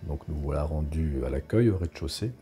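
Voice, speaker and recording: A man narrating a walking tour through a multi-floor hi-fi store, with a relaxed guide's delivery and occasional fillers. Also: extremely low pitch, a little fast, faint music behind. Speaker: guide giving a shop tour.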